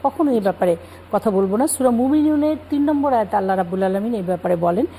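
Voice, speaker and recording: A woman speaking as a guest on a religious talk show, calmly explaining scripture and manners. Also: medium pitch, fast, slight background noise, poor audio. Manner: calm explanatory, cites scripture.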